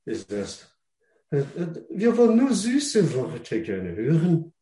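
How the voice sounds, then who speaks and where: A man preaching a sermon in German, which is not his first language, at a slow and deliberate pace. He restarts and repeats words and turns questions back to the listeners. The sound is roomy, with a clear echo around the voice. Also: fairly high pitch, huge pitch swings, warm tone.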